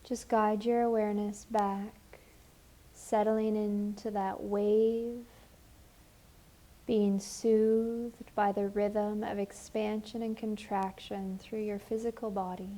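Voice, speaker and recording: A woman guides listeners through a meditation as their teacher, her gentle, soothing words coming slowly with long pauses in between. She speaks in a mid-range voice with a flat delivery.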